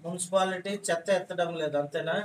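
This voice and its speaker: Andhra telugu man, official doing a phone-in, highish flat voice, formal, reassuring, bits of english. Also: fast talker, a little hiss or hum. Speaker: elected official taking public calls. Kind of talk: phone-in replies and public address. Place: municipal office.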